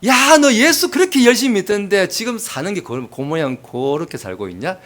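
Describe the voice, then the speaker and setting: A man's voice: high-pitched, sing-song, a little fast, fairly bright tone, voice pushed up. A man voicing a sarcastic male unbeliever who taunts a suffering believer. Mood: mocking.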